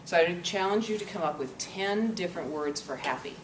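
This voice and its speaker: A deep-voiced woman runs a workshop and keeps checking that her listeners follow along. She is picked up from far away by a camcorder, so the room echoes around her and a steady noise runs underneath. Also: a little fast. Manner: coaxing, checks understanding with frequent "okay?". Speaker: workshop presenter. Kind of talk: interactive workshop lecture. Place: classroom or meeting room.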